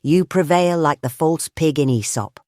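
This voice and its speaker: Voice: mid-range voice, moderate pace, darkish tone, dry recording, studio quality, lightly acted. An audiobook reader voicing a pompous older male professor who speaks in a sneering, pedantic way. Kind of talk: audiobook character reading.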